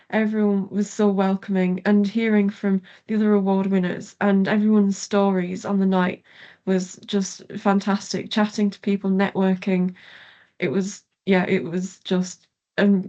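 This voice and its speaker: Mellow young woman, west of Ireland accent. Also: mid-range voice, lo-fi sound. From Galway, Ireland. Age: young adult. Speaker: interview guest, pharmacy student. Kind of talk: casual interview answers.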